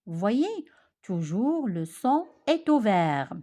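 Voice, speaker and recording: A woman teaching French pronunciation, who says each word clearly and deliberately and repeats it, as in a spoken language lesson. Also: mid-range voice, sing-song, warm tone.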